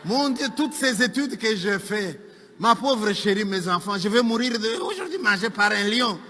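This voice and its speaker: A man's voice: high voice, normal speed, pushed and bright, in a large hall, full character voice. A man voicing a young male law graduate who panics and laments aloud. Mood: panicked. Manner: frantic, lamenting.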